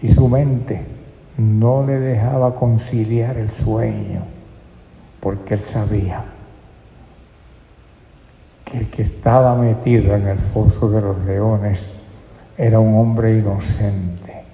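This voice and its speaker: A male pastor preaches slowly and emphatically, often calling his listeners brother. His voice is gravelly and rings through a reverberant hall. The recording sounds dull and lo-fi. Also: on the low side, little pitch movement, a little hiss or hum. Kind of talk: sermon. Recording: dull, echoey church hall.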